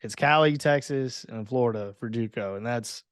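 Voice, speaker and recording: A man's voice: medium pitch, no room sound. A young man with a mid-range voice hosts a casual interview in a friendly, easygoing way. He is recorded close and dry. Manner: laid-back, chummy, quick to agree. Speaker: podcast host.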